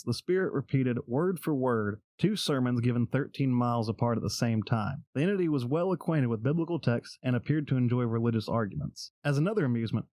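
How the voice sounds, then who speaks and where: A man's voice: mid-range voice, a little mellow, no echo. A man co-hosting a casual podcast, reading from his notes, laughing and swearing casually. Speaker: podcast co-host.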